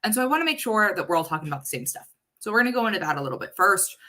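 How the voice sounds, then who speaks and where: A woman's voice: mid-range voice, rapid-fire. A woman in her thirties from the US West Coast, an HR consultant giving a casual, chatty webinar with a sarcastic streak. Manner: chatty and sarcastic, lively swings in loudness.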